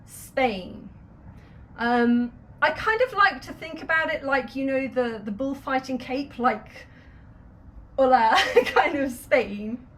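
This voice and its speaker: A woman's voice: sits high, slow, a bit bright, a little hiss or hum. A woman teaching sign language, patiently explaining each sign step by step with light laughs. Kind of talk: instructional video lesson.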